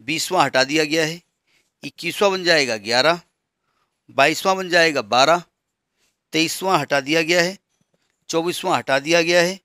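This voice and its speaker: Bright-voiced man teaching maths. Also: a little high, moderate pace, pauses often, no room sound, studio quality. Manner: counts through numbers steadily, asks students if they follow. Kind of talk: classroom lesson explaining textbook changes.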